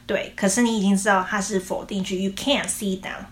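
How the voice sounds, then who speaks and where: A woman English teacher explaining pronunciation patiently, saying English phrases slowly as examples. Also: mid-range voice, steady tone.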